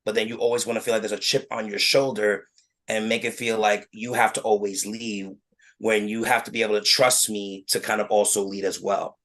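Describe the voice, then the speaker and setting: A man co-hosting a casual podcast chat, explaining his view earnestly with many halting restarts. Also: lowish voice, a bit bright. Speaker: podcast co-host.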